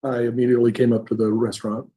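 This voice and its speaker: A man's voice: mid-range voice, little pitch movement, rapid-fire, mellow, breathy edge. Older man giving testimony, courtroom recording. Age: 60s. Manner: short, formal answers. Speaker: trial witness.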